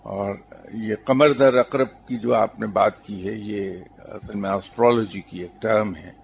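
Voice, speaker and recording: A man, a spiritual teacher, giving a religious talk in answer to a question, telling stories calmly and at a measured pace, with English terms mixed in. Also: fairly low pitch, gravelly, highs cut off, slight background noise.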